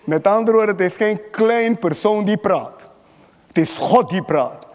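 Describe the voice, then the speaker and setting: A man preaching a fervent sermon, calling for amens from the congregation and building to shouts. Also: high-pitched, unhurried, in a large hall. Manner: fervent, rises to shouting at climaxes.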